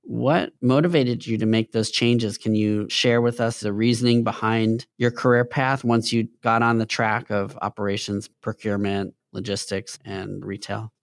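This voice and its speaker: Male interviewer, lowish voice, dry close sound, friendly and chatty. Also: steady tone, moderate pace, few pauses, dry recording. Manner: friendly, laughs easily, affirming. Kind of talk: conversational interview.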